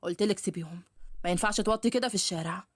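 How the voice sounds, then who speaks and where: A woman voicing a calm ex-convict young man. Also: fairly low pitch, racing, no echo, clean studio sound, voice pushed down, close to an everyday voice. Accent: Egyptian. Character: calm young man just back from prison.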